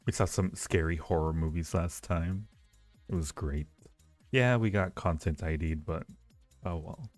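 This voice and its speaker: A livestream host with a deep, darkish voice chats casually with viewers at a measured pace, playful and flirty, often repeating his phrases. The room has a roomy echo with faint music in the background.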